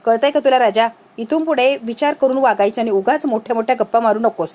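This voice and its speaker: A woman's voice: on the high side, fast talker, darkish tone, natural voice. A woman voicing a stern man who scolds bluntly.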